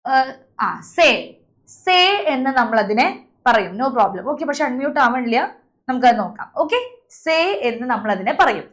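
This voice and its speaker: A woman's voice: a little high, lively intonation, moderate pace, a bit bright. A young woman teacher leading an online class, calling on students by name and drilling letter sounds over a video call.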